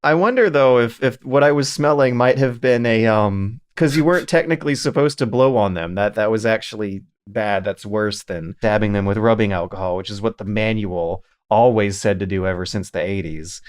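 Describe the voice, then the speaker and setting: A man in his thirties, a podcast host telling animated stories in casual chat. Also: lowish voice, moderate pace, hardly any pauses, smooth. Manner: animated storytelling, reads listener questions aloud.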